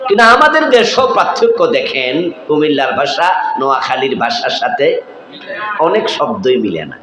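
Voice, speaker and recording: A man's voice: mid-range voice, big pitch swings, moderate pace, reverberant, big-room sound, rough recording. A man delivering a sermon with a Bangladeshi Bengali accent, quizzing the crowd and building to exclamations. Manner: preaching with call-and-response questions to the crowd, rising exclamations. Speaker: preacher. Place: religious gathering before a crowd.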